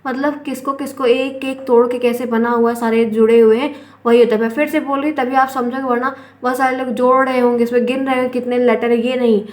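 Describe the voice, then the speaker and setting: A woman's voice: a little high, level tone, a little fast. A woman teacher with an Indian accent, explaining exam questions step by step and calling her viewers friends. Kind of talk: exam-prep lesson.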